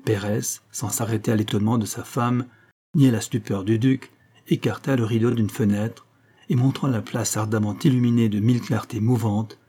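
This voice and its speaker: A man reading a historical tale aloud as an audiobook narrator, in a measured literary manner. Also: fairly low pitch, steady tone, dark tone, husky.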